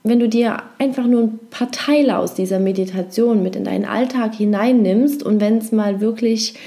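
A woman informally introduces a meditation in a gentle, encouraging and reflective way. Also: a little high, normal speed. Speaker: meditation guide.

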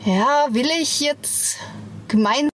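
A man's voice: very high-pitched, takes it slowly, fairly bright tone, slight background noise, pitched above the performer's own voice, heavily acted. A man voicing a young woman hiker who retells meeting a stranger, quoting the dialogue back and forth. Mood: chatty, uneasy.

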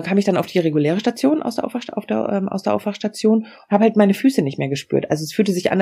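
A woman in her forties speaking as a podcast guest, laying out her story in a frank, matter-of-fact way. Her voice is mellow and a little husky, and she drops in fillers as she explains. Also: mid-range voice. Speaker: interview guest. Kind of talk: personal storytelling in a podcast interview.

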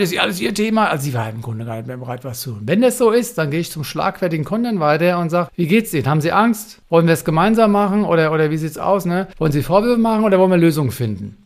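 A man in casual explanatory talk, working through advice as a communication coach. He talks very fast in a slightly high voice and keeps tagging his sentences with a quick "ne?". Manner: brisk, lively, often tags sentences with "ne?".

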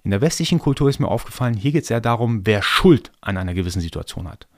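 A man's voice: on the low side, expressive, fast, no room sound, clean studio sound. A man born in Iran, hosting a solo podcast and explaining his ideas step by step in a thoughtful, reflective way. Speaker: podcast host.

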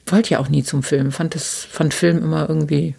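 Actress in her 50s, low deep voice, frank and lively as she recounts her career in conversation. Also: normal speed, creaky, slightly rough. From Germany, Solingen. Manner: frank, lively storyteller with many fillers. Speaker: actress, interview guest. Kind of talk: conversational interview, personal anecdotes.

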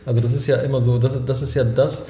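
A man co-hosts a casual talk-show podcast, hesitating and searching for words with many restarts. His mid-range voice moves fast with a level, warm tone, and the recording is reverberant.

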